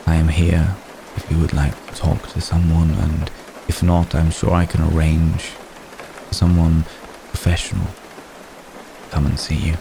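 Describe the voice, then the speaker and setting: A man playing a centuries-old, lovestruck vampire gentleman in an ASMR roleplay, speaking formally and haltingly, apologetic and tender. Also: a bass voice, creaky, full character voice. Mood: gentle, concerned. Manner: halting, formal, soft-spoken, deliberate phrasing. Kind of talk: ASMR roleplay, intimate dramatic monologue. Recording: steady rain noise behind the voice. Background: rain.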